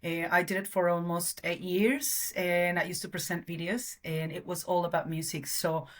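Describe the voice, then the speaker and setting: A woman's voice: on the low side, little pitch movement, normal speed. A woman from Mexico, a podcast guest talking in reflective, casual chat. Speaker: guest, TV presenter.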